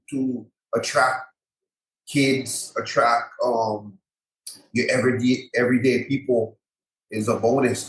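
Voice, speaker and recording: A man with a local Hawaiian accent chatting casually as an interview guest, repeating phrases and using colloquial grammar. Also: medium pitch. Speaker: MMA fighter and gym owner, podcast guest. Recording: echoey roomy sound.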